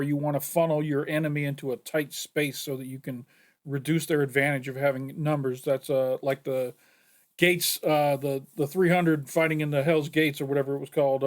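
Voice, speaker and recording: A man's voice: on the high side, flat delivery, moderate pace. Chatty male reaction host, full of fillers. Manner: chatty, with frequent fillers and hesitations. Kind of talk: casual reaction commentary.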